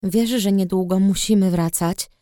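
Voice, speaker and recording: A woman reading a calm young man. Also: mid-range voice, normal speed, no room sound, studio quality, lightly acted. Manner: steady, explaining.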